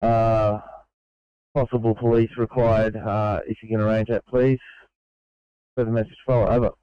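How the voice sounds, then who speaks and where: Lower-voiced man over walkie-talkie. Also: little pitch movement, normal speed, clear, resonant tone, no echo. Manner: clipped radio calls, frequent "uh" fillers. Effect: heard over a walkie-talkie radio. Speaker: emergency field responder. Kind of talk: two-way radio procedure. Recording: dull lo-fi radio audio.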